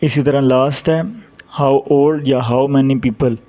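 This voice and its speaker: A man with a Pakistani Urdu accent, teaching a beginner grammar lesson and repeating each example phrase slowly. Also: mid-range voice, fairly even intonation, dark tone, lo-fi sound. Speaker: Japanese teacher. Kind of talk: slow, deliberate grammar lesson.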